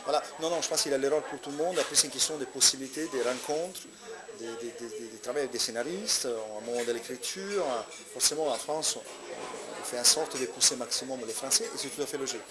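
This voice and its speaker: Over loud background crowd chatter, a comedian guest with an Italian accent responds to interview questions. His mid-range voice moves fast, and he hesitates often, using many fillers and restarts.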